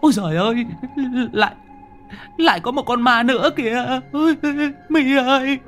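A man's voice: very high voice, moderate pace, a bit bright, faint music behind, voice pushed up. A man voicing a frightened village boy who stammers and pleads. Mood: pleading.

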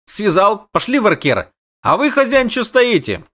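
A man's voice: sits high, wildly swooping pitch, moderate pace, a bit bright, pitched above the performer's own voice, full character voice. A man reading the part of a cheeky young male bard who talks in a brash, demanding way.

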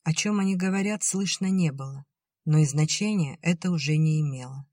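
Measured audiobook narrator, dry sound. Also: medium pitch, darkish tone, no echo. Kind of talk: scripted literary narration.

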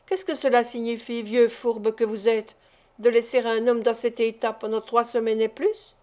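A woman's voice: a little high, flat delivery, moderate pace, a little mellow, natural voice. A woman reading the part of a sick, bitter male thief in an audiobook, speaking in a growling, resentful manner.

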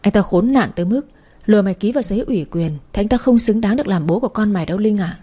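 Brief: woman reading a frank female friend, blunt and reasoning, mellow voice. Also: medium pitch, expressive, rapid-fire, slightly rough.

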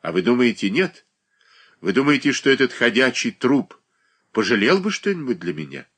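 A man's voice: medium pitch, very animated, moderate pace, a bit bright, husky, pitched above the performer's own voice. A man reading aloud, voicing a proud, bitter young woman who speaks with scorn and defiance. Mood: bitter scornful.

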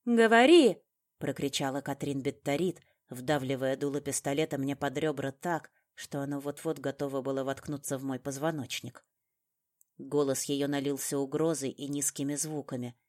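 A woman reading a first-person audiobook in a measured, dramatic way. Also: rumbling low, level tone, a little mellow. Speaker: audiobook narrator.

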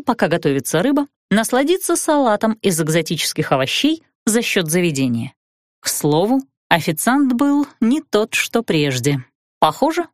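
Expressive woman reading an audiobook. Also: mid-range voice, dry recording, studio quality. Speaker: audiobook narrator. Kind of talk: first-person audiobook narration.

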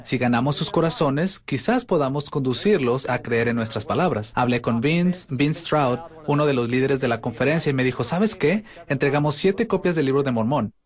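A middle-aged man giving a humorous sermon-style talk, animated and acting out characters in quick asides. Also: mid-range voice.

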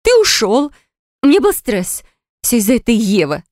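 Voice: medium pitch, very animated, normal speed, a little mellow, no room sound, studio quality, pitched above the performer's own voice, close to an everyday voice. A woman reader voicing a young wife who wails and pleads, in an audiobook story. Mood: pleading, whiny. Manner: wailing, pleading. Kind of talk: audiobook character voice.

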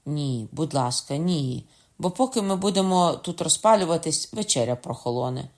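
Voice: medium pitch, lively intonation, natural voice. An audiobook reader voicing a patient, polite young nobleman. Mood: patient reasoning. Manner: measured and polite. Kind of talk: audiobook character voice.

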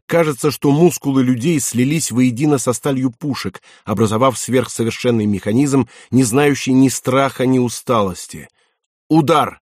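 A man narrating a war novel as an audiobook, in a measured, even reading. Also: mid-range voice, no echo, studio quality.

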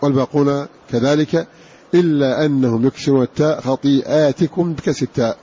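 A man giving a scholarly lecture on Quran readings, explaining slowly and repeating and drawing out key words. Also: medium pitch, mellow, breathy edge. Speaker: Quran recitation teacher. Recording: dull lo-fi recording.

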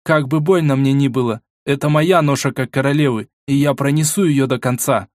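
A man's voice: medium pitch, brisk, no room sound, clean studio sound, voice pushed up, close to an everyday voice. A man voicing a cold, iron-willed middle-aged queen who speaks sternly and with command. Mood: icy resolve.

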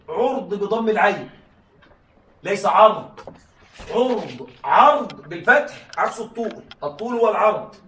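A man's voice: sits high, fairly bright tone. A man giving a classroom lecture on Arabic rhetoric, often asking rhetorical questions to check that his students follow. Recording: echoey room, voice from a distance.

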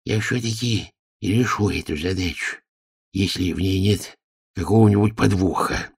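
Guy doing a pompous dim king, low and dry, quiet musing. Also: normal speed, gravelly, slightly rough, no room sound, exaggerated voice. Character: pompous, slow-witted king.

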